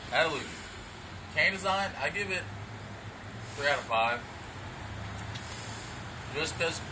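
A young man doing a casual, unscripted vlog review outdoors, talking with his lip full of dipping tobacco. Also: a little high. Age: young adult. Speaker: amateur product reviewer. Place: outdoors on front steps of a brick house. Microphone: camera several feet away. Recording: distant camera mic, clear background noise.

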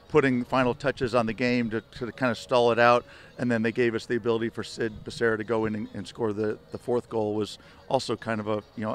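An older man, the head soccer coach, gives a postgame media interview on an outdoor stadium field at night. His voice is flat and medium-pitched, and he rambles with many restarts and "you know" fillers into handheld reporter mics held close.

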